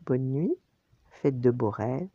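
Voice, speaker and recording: An older woman, a grandmother, reading a bedtime story aloud in an animated way, acting out the voices. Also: rumbling low, takes it slowly, breathy edge, no echo. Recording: dull lo-fi dry recording.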